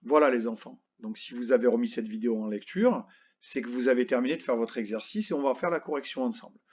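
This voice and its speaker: A male primary school teacher giving a recorded grammar lesson to children, speaking slowly and patiently and spelling words out letter by letter. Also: medium pitch, darkish tone, slightly rough, muffled recording.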